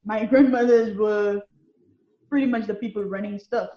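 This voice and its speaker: A woman's voice: medium pitch, steady tone, moderate pace, roomy sound, highs cut off. A woman from Lucia, a guest speaking candidly in casual conversation and often laughing. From Saint Lucia.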